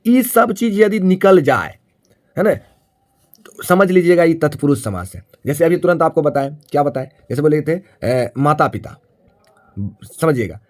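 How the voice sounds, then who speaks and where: A male Hindi grammar teacher giving a classroom-style video lesson. He keeps asking questions, answers them himself, and adds tag questions to check that students follow. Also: fairly high pitch. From Bihar, India.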